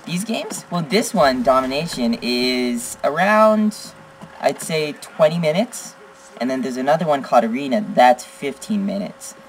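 A teenage boy giving excitable gameplay commentary as a gaming channel host, blurting exclamations and teasing. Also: mid-range voice, measured pace, slight background noise, poor audio. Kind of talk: live gameplay commentary with chat.

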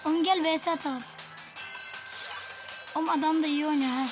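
A woman with a high voice talks her viewers through a mobile game match in loose, slangy chatter. She is excitable, bursting into shouts at opponents and then muttering apologies. Loud game music plays behind her. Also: moderate pace. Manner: excitable, swings between yelling at opponents and quiet apologies; casual slangy talk to viewers. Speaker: gaming YouTuber. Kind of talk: live gameplay commentary.

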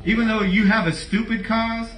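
A male pastor preaching a lively, conversational sermon with casual slang and direct questions to the congregation. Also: sits high, normal speed, distant mic. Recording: echoey room, voice from off-mic.

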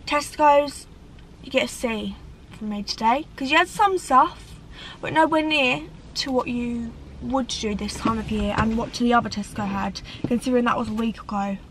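A young woman chats animatedly to a dashboard camera in a parked car. Her voice sits high and bright as she gestures and lets out dramatic sighs. A faint hum of the car and the outside can be heard behind her. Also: normal speed, low-quality recording. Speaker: vlogger. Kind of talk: casual chat to camera. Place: parked car on a rainy day.

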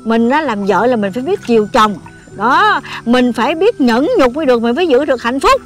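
A woman's voice: on the high side, animated, a little fast, faint music behind, natural voice. A middle-aged actress with a Southern Vietnamese accent playing a fussy mother who scolds and lectures her daughter. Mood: lecturing. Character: fussy scolding mother giving folk advice. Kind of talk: comedy film acting.

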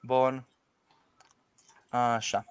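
A man's voice: medium pitch, level tone, smooth, no echo. A man who is an Orthodox priest, explaining the liturgy in an emphatic, rhetorical way and quoting its prayers aloud. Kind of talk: informal teaching discussion.

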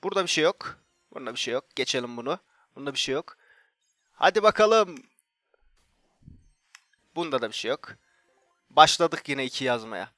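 A young man, commenting excitedly as he opens loot boxes in a mobile game, repeating himself and bursting into shouts when something good appears. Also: mid-range voice, moderate pace, long pauses, dry recording, soft background music. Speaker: gaming YouTuber.

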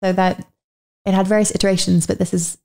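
Woman, middle-aged, mellow, gravelly, conversational interview guest. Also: mid-range voice, quick pace. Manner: relaxed, reflective, laughs easily.

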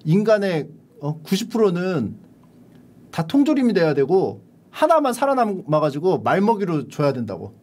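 A man's voice: sits high, very animated, moderate pace, darkish tone, husky, heavily acted. A man voicing a resentful male cavalry captain who wails and rants while crying. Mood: wailing rant. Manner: wailing, ranting.

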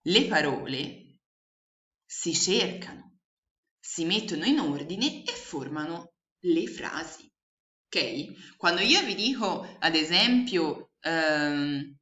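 Slow patient woman teacher. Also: on the low side, expressive, a bit bright. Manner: slow, patient, sounding out syllables. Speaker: primary school teacher. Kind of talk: remote lesson for young children. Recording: echoey room, dull lo-fi sound.

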